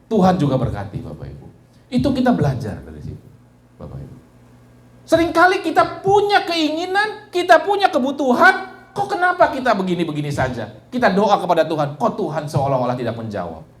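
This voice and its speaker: A male pastor preaching a sermon in a church, speaking animatedly and often turning to address the congregation directly. His voice drops low and soft on repeated refrains. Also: wildly swooping pitch, a little fast.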